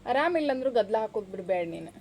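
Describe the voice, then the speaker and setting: A woman's voice: mid-range voice, very animated, racing, a little mellow, a little hiss or hum. A young woman with a North Karnataka Kannada accent, narrating a casual daily vlog to viewers and coaxing her sick child in a raised, singsong voice. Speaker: vlogger, mother of a sick child. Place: home and juice shop.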